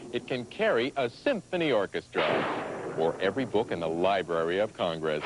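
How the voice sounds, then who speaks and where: A man playing a fast-talking, lying car salesman in a 1980s TV commercial, making wildly exaggerated boasts in smooth sales patter. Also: fairly low pitch. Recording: off-air 1980s TV tape, noisy.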